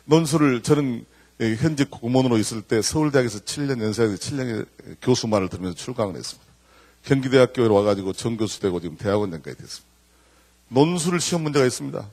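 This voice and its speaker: A middle-aged man giving a lively sermon-style lecture to a church congregation, telling stories and acting out the voices of the people in them. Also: medium pitch, quick pace. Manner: animated storytelling, acting out quoted voices; addresses the congregation directly. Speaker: guest speaker at a church service.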